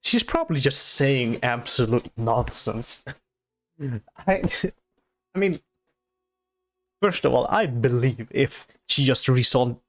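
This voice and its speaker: A man giving casual reaction commentary on a show, off camera, in a halting, soft-spoken way with many restarts. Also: mid-range voice. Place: off-camera voice-over.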